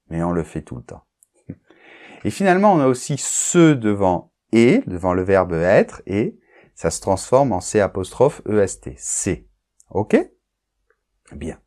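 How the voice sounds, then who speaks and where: Male language teacher, lower voice, very unhurried lesson delivery, keeps checking in with learners. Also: a little mellow. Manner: slow, deliberate, checks understanding with frequent "d'accord?". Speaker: French teacher. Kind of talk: explaining a grammar lesson.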